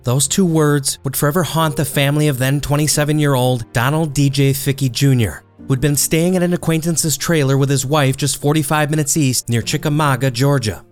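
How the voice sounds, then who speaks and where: A man hosting a podcast, reading a grave, measured true-crime narration. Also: a little high, fairly even intonation, faint music behind. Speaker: podcast host.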